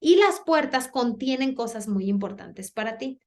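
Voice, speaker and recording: A middle-aged woman gives a conference talk for parents. She talks in a lively way and acts out little dialogues in different voices. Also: a little high, normal speed. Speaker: speaker giving a parenting talk.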